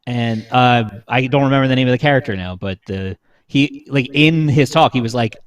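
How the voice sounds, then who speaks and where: Speaking with a lowish voice and no echo, a thirty-something panelist recounts things in a casual chat. His delivery is informal, conversational, and halting.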